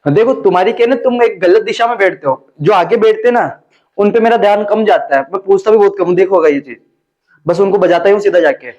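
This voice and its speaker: A man's voice: sits high, brisk, darkish tone. A young man teaching a maths class and joking with his students. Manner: teasing and chatty with students. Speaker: maths tutor. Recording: dull lo-fi classroom audio.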